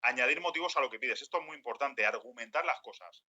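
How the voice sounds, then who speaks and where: A man giving a workshop talk to a group, lively, often acting out quoted speech. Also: medium pitch, fast talker, muffled recording. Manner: acts out quoted speech, animated. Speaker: workshop speaker. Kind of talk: lecture to a group.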